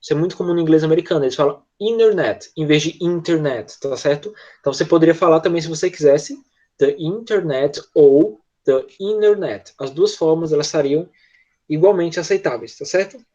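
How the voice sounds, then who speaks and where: Patient Brazilian teacher over lo-fi audio. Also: male voice, on the high side, fast talker, a little mellow. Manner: patient, checks in often with tag questions. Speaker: English teacher. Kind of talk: online class, leading pupils in repetition.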